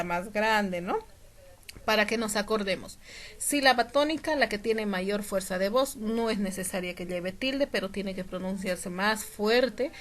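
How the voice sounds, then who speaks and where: A woman teacher explaining a lesson patiently, repeating examples slowly and often checking that her students follow. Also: medium pitch.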